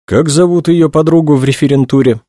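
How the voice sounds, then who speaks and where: A man reading aloud, voicing a calm male investigator who speaks slowly and reassuringly. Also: a little high, no room sound, clean studio sound, pitched above the performer's own voice, natural voice.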